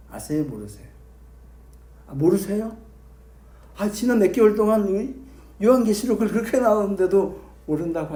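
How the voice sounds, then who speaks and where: A man's voice: a little high, dark tone. Pastor man preaching in an echoey hall. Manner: questions the congregation directly; emphatic repetition. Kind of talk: sermon.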